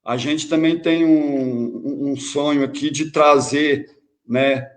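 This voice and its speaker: A man's voice: a little high, fairly even intonation, slow. A man hosting an online spiritist talk, reflective, often ending thoughts with a questioning "né". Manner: reflective, many tag questions. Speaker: host.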